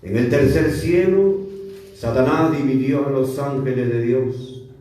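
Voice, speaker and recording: A man's voice: medium pitch, unhurried, warm tone. A man preaching a sermon as pastor, emphatic and repeating words for stress. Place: church. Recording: echoey church hall, mic far off, faint music.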